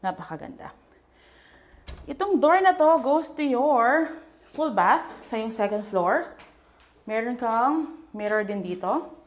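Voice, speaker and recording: Filipina agent doing a house tour, kinda high voice, chatty n excited, switches between english and tagalog. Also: slow pace, pauses often. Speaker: real estate agent giving a house tour. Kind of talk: casual walkthrough tour.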